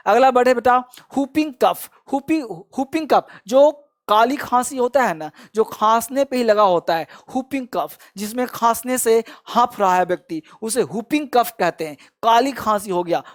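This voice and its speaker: Male teacher, high voice, repetitive drilling style, encouraging. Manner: repetitive drilling, prompting listeners to repeat after him; frequent encouraging praise. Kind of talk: spoken vocabulary lesson.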